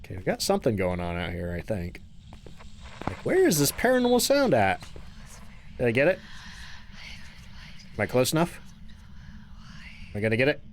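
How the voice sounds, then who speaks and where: A man's voice: mid-range voice, huge pitch swings, normal speed, long pauses, slight background noise. A man streaming a horror game, chatting casually with viewers and musing to himself as he plays.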